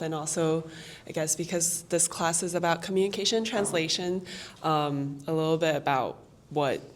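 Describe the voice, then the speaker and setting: A woman's voice: deep voice, slight background noise. A woman co-hosting a podcast, talking unscripted and a little hesitantly in front of a live classroom audience. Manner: hesitant, many "um"s. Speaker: podcast co-host.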